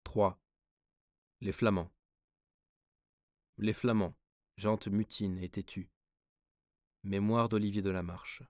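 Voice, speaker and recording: Low-voiced male audiobook narrator. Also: dry recording, studio quality. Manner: measured, expressive reading. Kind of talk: scripted literary narration.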